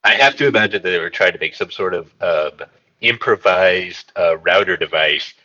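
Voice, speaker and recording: Man for a mock-serious comedy podcast host, deep and bright-edged, halting delivery, dull lo-fi sound. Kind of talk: satirical comedy podcast chat.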